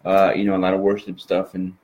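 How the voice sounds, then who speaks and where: A man's voice: low voice, completely flat delivery, fast talker, muffled recording. A man from Minnesota with an exaggerated Minnesota accent, chatting as an interview guest in a folksy, rambling way. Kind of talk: casual interview chat.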